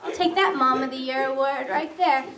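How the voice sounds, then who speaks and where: A woman in her thirties doing a stand-up comedy set in a brash, sarcastic way with quick punchlines. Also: high-pitched, a bit bright, a faint crowd. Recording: echoey room, far from mic.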